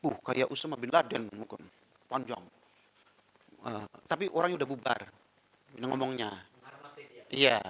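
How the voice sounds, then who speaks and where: An Indonesian man, an imam giving a religious study talk in a lively storytelling manner. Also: medium pitch, a little slow, long pauses, low-quality recording. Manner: lively storytelling, drops into other people's voices.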